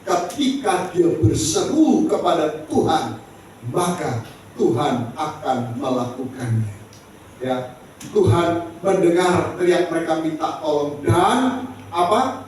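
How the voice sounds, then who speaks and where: A man's voice: on the high side, expressive, slow, darkish tone, slight background noise. A man preaching a sermon as pastor, emphatic and calling out to the congregation. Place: church hall. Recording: echoey church hall, distant mic.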